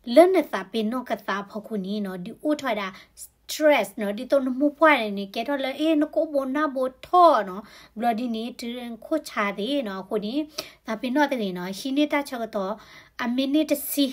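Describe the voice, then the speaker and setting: Woman, fairly high voice, health talk, conversational, tag particles. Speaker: health educator.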